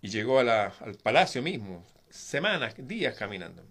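A man's voice: medium pitch, very animated, moderate pace, fairly bright tone. A man telling a folk tale in a casual, conversational way, with frequent asides and digressions. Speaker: storyteller. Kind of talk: casual oral storytelling.

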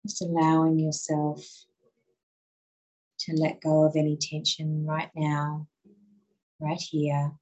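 A woman guiding a listener through muscle relaxation in a slow, soothing voice. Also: low-pitched, completely flat delivery, a little mellow, husky, poor audio. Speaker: relaxation guide. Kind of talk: guided relaxation.

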